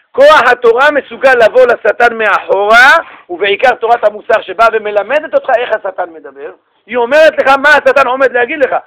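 A man from Israel giving a Torah sermon, lively, acting out quoted dialogue with street slang and rhetorical questions. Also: high-pitched. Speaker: preacher. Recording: dull lo-fi radio-style recording.

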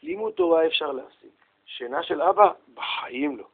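A man giving a Torah lesson, asking questions and telling parables in an animated way. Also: on the high side, gravelly, slightly rough, phone-quality sound. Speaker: rabbi teaching Torah.

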